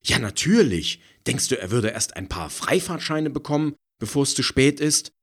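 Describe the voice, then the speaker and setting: A man voicing a jealous married woman who is assertive and emphatic. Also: lively intonation. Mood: vehement. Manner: emphatic, quick, rising pitch when heated.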